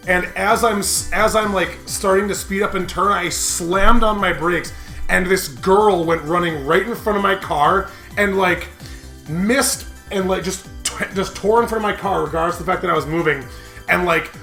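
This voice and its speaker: A man hosts a let's play of a visual novel, rambling casually, arguing and joking while reading the dialogue aloud. His voice sits high with a sharp tone, and background music plays under it.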